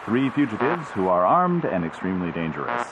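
An actor playing a brisk male radio news announcer, reading an urgent bulletin through an old radio sound. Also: on the low side, big pitch swings. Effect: old radio broadcast. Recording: loud noisy radio sound.

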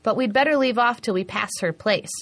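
A woman's voice: a little high, brisk, a bit bright. An actress playing a sensible young country girl who speaks earnestly and cautiously.

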